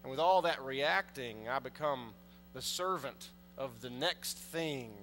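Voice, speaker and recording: A man's voice: mid-range voice, expressive, unhurried, a bit bright. A man in his thirties, a priest, preaching a conversational sermon from the pulpit and putting questions to the congregation. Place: large church, indoors. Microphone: pulpit mic, far camera. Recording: long church reverb, faint mains hum.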